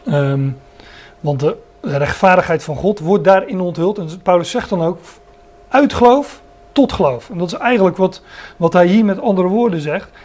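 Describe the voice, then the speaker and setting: Male preacher, earnest verse-by-verse teacher, somewhat raised pitch. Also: normal speed, a little mellow. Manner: earnest, stresses key words, many restarts. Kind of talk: Bible teaching sermon.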